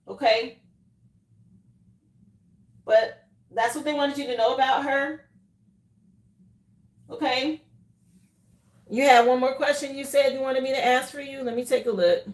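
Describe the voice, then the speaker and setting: A woman's voice: sits high, fairly even intonation, a little slow, long pauses, echoey room. A woman giving a live tarot reading, talking straight to her viewers with emphatic, repeated reassurances. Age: adult, mother of children. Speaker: tarot reader.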